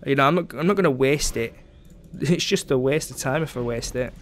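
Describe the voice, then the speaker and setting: A man's voice: mid-range voice, brisk, a little hiss or hum. A young man giving casual, chatty commentary over his own gameplay, sarcastic about his teammates and dropping frequent ums.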